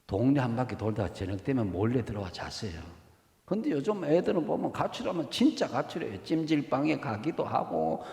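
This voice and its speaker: A male pastor preaches with a swinging, animated pitch, chatting with his congregation and asking them questions. His voice carries a long reverb through a roomy church hall. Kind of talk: sermon. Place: church sanctuary.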